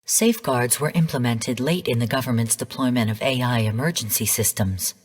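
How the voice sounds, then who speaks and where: Rumbling low and slightly rough, a female voice plays a composed AI that coolly commands and guides game missions. Her formal, measured briefings come across as composed and instructive, recorded in a large hall.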